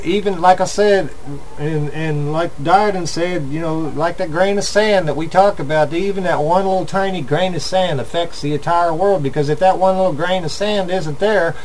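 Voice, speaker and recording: An older man with a fairly high-pitched voice and an Appalachian hillbilly accent. He chats as a radio host in a folksy, earnest, philosophizing ramble. There is some faint noise on the home recording. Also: low-quality recording. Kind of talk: casual chat.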